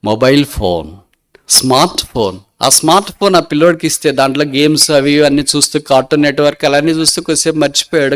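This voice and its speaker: A man with an Andhra Telugu accent preaching a sermon as a story, acting out the lines of the people in it and rising to loud, emphatic peaks. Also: medium pitch. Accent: Telugu, Andhra Pradesh.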